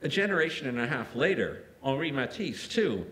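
A man reading an art-history lecture aloud at a museum. His pitch sits in the middle range for a man. He speaks in a measured way and now and then stops to correct himself or add a quick aside. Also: big pitch swings, fairly bright tone, poor audio. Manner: measured, with small restarts and asides.

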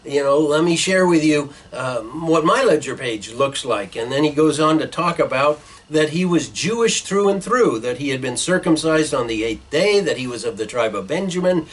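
Middle-aged male pastor, husky, somewhat high voice, earnest sermon from a desk webcam. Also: lively intonation, moderate pace, few pauses, poor audio. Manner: earnest teaching tone with frequent uh fillers, gesturing with hands. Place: small church office with bookshelves, indoors.

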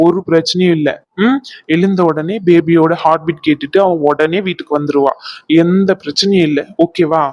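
A performer voicing a young male doctor in a cartoon who reassures his worried family in a calm way. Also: medium pitch, no room sound, muffled recording, close to an everyday voice. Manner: reassuring, bossy at times. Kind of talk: cartoon voice acting.

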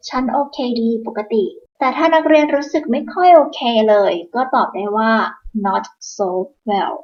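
A woman teaching beginners in a patient, instructional manner, repeating each phrase slowly. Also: high-pitched, animated, darkish tone, muffled recording. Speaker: English teacher. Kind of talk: slow instructional explanation.

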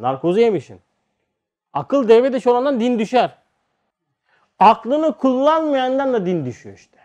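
A man giving an informal religious lecture, talking to listeners like a brother and moving between quiet asides and emphatic points. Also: high voice. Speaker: religious teacher.

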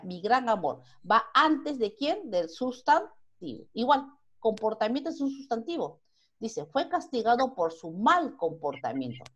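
A Peruvian woman with a Peruvian Spanish accent teaches a primary school grammar lesson online, asking the class questions and then answering them herself. Her voice is a little high, and the audio sounds dull.

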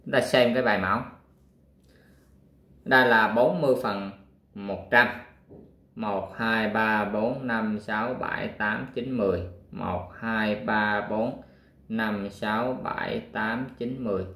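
A man teaching a math lesson, working through a worksheet, counting aloud step by step and pausing with fillers. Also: lowish voice, steady tone, bright, forceful tone, roomy sound.

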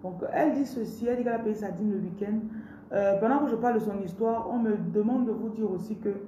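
Cameroonian french lady preaching on a live, mellow voice, keeps declaring stuff and repeating herself. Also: mid-range voice, fast, echoey room, a little hiss or hum, poor audio. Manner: declaring blessings, repeating phrases. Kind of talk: prosperity sermon on a live stream.

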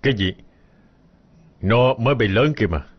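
A man dubbing a gruff, worried older father on the phone in a TV drama. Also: medium pitch, animated, unhurried, dry recording. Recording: dull lo-fi dub audio.

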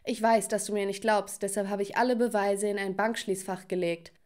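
A woman voicing a desperate father in hiding who pleads urgently over the phone in an animated story. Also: mid-range voice, a little fast, lightly acted.

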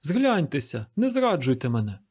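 A man's voice: on the high side, huge pitch swings, normal speed, darkish tone, husky, exaggerated voice. A man reading an audiobook, voicing a desperate young male fugitive who begs frantically. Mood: pleading. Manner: pleading, frantic.

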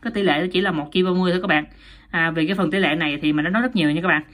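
A woman's voice: lowish voice, racing, a bit bright. A woman reviewing and unboxing a toy in a chatty, casual way, often addressing viewers and laughing at herself.

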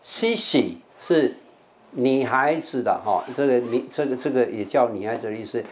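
A man's voice: medium pitch, animated, normal speed, a little hiss or hum. An older man, a monk from Taiwan with a Taiwanese Mandarin accent, teaching an English vocabulary class and repeating words for students. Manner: repeats words to drill pronunciation, coaxing the class.

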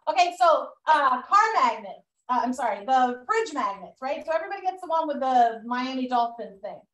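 A woman's voice: sits high, sing-song, moderate pace, fairly bright tone. A woman with a Boston accent leading a real estate training class, chatty and loose with fillers and restarts. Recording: echoey room, mic far off.

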